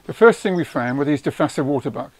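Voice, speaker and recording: Higher-pitched man narrating a nature documentary. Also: expressive, fast, dry recording. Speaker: narrator of own wildlife travel film.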